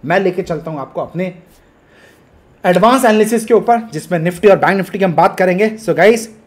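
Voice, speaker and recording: A man's voice: high-pitched, moderate pace. Casting: male trading-channel host, hyped and emphatic, mixes English, pleads with viewers. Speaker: stock market trading educator. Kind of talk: energetic market commentary to camera.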